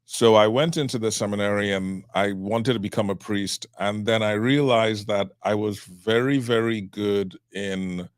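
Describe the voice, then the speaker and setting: Low-voiced man from Cameroon, measured. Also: clean tone, no room sound, studio quality. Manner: measured, reflective, with fillers. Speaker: guest, trial attorney. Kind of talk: interview conversation.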